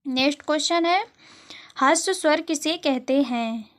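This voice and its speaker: A woman with a high voice is giving an exam-prep lesson. She reads out each question, explains the answer, and goes over the key terms a second time. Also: normal speed. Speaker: teacher.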